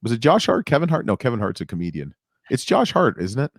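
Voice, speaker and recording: A man co-hosting a podcast in casual conversation, talking in a lively, rambling way and correcting himself mid-sentence. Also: medium pitch, fast, vocal fry, no room sound, clean studio sound. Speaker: podcast co-host. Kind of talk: casual sports podcast chat.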